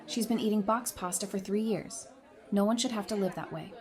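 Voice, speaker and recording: A woman voices a friendly, easygoing survivor in a fan audio drama, trading casual, informal dialogue in a chatty, reassuring way. Her mid-range voice is fairly quick and lightly acted, with crowd noise in the background.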